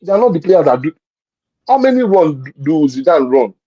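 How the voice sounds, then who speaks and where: A male football pundit reviews a match in casual chat, emphatically pressing his points again and again and explaining them with examples. His voice is on the high side, mellow, a little husky and sing-song, at a normal speed. The dry recording comes through a muffled lo-fi stream.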